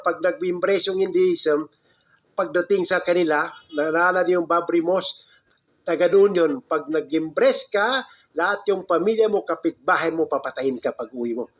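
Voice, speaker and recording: A man preaching an Islamic lecture in a lively storytelling way, with his voice jumping up high at the punchlines. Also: normal speed. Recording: dull lo-fi recording.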